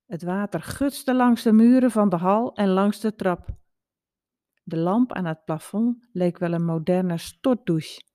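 A woman in her fifties reading aloud a personal story in a calm, wry storytelling manner. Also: medium pitch. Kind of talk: read-aloud personal narrative.

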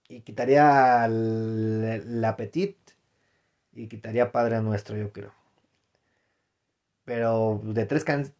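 A young adult man with a Mexican accent talks casually to his podcast listeners. His voice sits at a middle pitch. He rambles, restarts his sentences and drops in slang and fillers as he thinks aloud. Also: darkish tone. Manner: rambling, frequent fillers and self-corrections, slangy. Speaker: podcast host. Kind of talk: casual solo podcast commentary.

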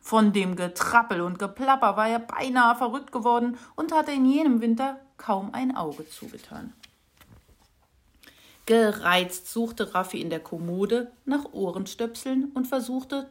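A woman narrating a children's storybook with an expressive, lively reading. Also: fairly high pitch, a little slow.

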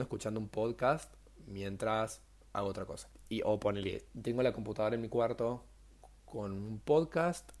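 A young man with a Rioplatense Spanish accent, hosting a casual solo podcast, chatty and self-mocking, with sudden jumps up in pitch. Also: a little mellow. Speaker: podcast host.

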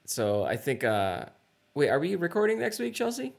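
Lively, laughing man podcast co-host. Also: fairly high pitch, moderate pace, vocal fry. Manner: laughing, stammering restarts, playful. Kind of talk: casual chat.

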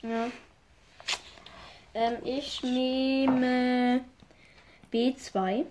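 A woman's voice: high-pitched, level tone, drawn-out words, a little mellow, a little hiss or hum. A woman playing a board game against a friend, playful and sing-song, joking between moves. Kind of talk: casual game chat.

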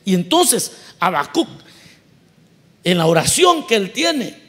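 A man preaching with a high, light voice. He talks to his congregation in a conversational way, keeps asking them questions and acts out the voices he quotes. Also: very animated, takes it slowly, a bit bright, long reverb tail. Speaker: pastor. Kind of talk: sermon.

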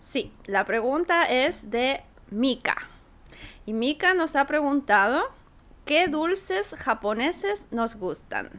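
A woman co-hosting a casual podcast, speaking in a measured way with soft agreeing murmurs. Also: sits high, expressive. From Chile. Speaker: podcast co-host. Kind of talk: casual chat.

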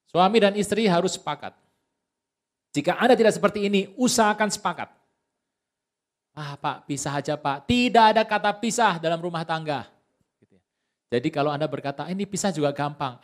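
A male pastor preaching a sermon in a lively, joking way, often speaking straight to the congregation. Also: sits high.

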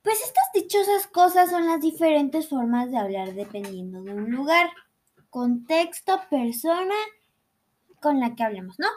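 High-voiced sarcastic Mexican woman. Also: very animated, a little slow, darkish tone. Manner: sarcastic, rambling, playful. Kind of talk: casual comedic explainer monologue.

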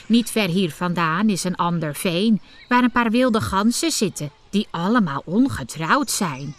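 A woman voicing a brash, cheeky young male gosling in a storybook, talking boldly. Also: mid-range voice. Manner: bold and cocky.

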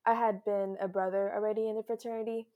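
A woman's voice: mid-range voice, flat delivery, fast, highs cut off. A young woman from France, a podcast guest, talking casually over a video call, laughing and rambling a little. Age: young adult. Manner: giggly, rambling, self-deprecating. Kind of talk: casual interview.

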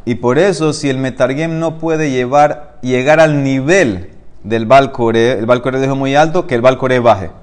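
A man's voice: medium pitch, moderate pace. A man teaching a Talmud class, explaining step by step and mixing in Hebrew and Aramaic phrases.

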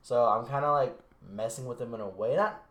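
A young man on a podcast casually telling a long story, swearing freely and acting out the other people's lines in a lower mumble. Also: fairly quick. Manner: relaxed, swearing, acts out quotes in a low mumble. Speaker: podcast host. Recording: echoey room.

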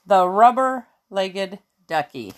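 A woman reading a children's picture book aloud, slow and expressive, now and then fixing a slipped word. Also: mid-range voice, slight background noise. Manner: slow, expressive storytelling with small self-corrections. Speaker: children's story reader.

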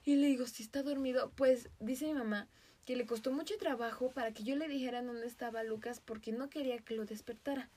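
A woman with a Mexican Spanish accent, hosting a podcast and telling a story in a casual, animated way, often breaking into laughter. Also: a little high, fairly quick. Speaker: podcast host.

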